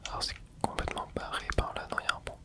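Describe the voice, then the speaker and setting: A video creator speaks in a steady, hushed whisper, as quiet as someone up late at night. The delivery is casual and rambling ASMR game commentary, thinking aloud close to the microphone. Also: very fast.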